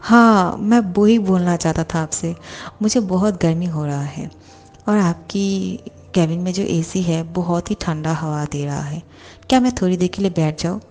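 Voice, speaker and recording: A woman's voice: on the low side, moderate pace, darkish tone, close to an everyday voice. A woman voicing a shy young male secretary who speaks politely and anxiously to his boss. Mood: longing.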